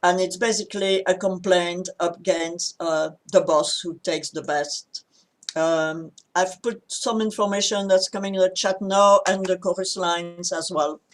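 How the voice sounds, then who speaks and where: A woman from Belgium. She speaks softly to introduce a folk song, then leads its call-and-response chorus over a video call. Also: on the low side, steady tone, measured pace. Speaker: folk singer. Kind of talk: folk song performance at an online sing.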